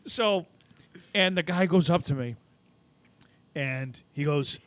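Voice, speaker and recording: A man telling stories in a casual podcast chat, animated and swearing often, acting out what other people said. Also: on the high side, takes it slowly, no room sound. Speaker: podcast co-host.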